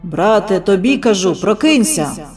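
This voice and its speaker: A man voicing a booming, commanding male faith healer who roars drawn-out commands. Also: sing-song, music in the background. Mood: exultant. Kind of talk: dramatic storytelling.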